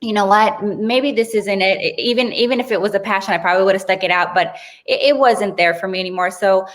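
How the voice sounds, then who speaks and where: A woman in her thirties, a guest in an interview, recounting her path in a chatty, talkative way. She often restarts her sentences and laughs easily. Her voice sits at an ordinary middle pitch. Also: quick pace. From Brazil, raised in South Florida. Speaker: guest expert. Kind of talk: casual interview storytelling.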